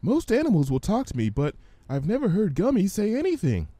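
A man doing a timid, soft-spoken pony mare. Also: high-pitched, wildly swooping pitch, fairly quick, dry recording, voice pushed up, full character voice. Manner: soft, hesitant, stammering. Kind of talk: fan fiction audiobook reading.

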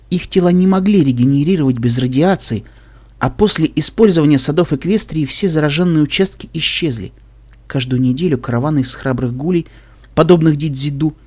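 A male audiobook narrator with an even, measured storytelling delivery. His voice is husky and sits a bit high for a man. He reads the story steadily. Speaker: audiobook reader. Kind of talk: scripted narration.

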